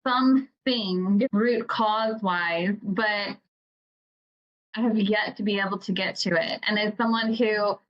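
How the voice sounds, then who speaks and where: Woman podcast host, earnest and halting, casual chat, muffled lo-fi sound. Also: medium pitch, steady tone, slight background noise. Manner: earnest, halting with restarts and fillers.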